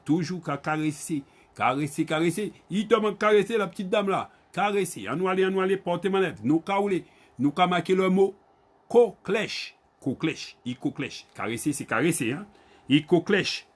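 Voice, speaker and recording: A man with a Guadeloupean Creole accent leads an online Creole lesson. His voice sits a little high, and he says each word over and over, slowly, then spells it out. He keeps calling on his students by name. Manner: repeats words slowly, spells them out and calls on students by name. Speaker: Creole language teacher.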